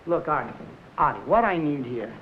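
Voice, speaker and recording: An actor playing a harried 1950s nightclub comic. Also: male voice, a little high, expressive, normal speed, very noisy, lightly acted. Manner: brusque, exasperated bossing. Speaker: nightclub entertainer. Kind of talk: 1950s sitcom acting. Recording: muffled 1950s TV soundtrack with music.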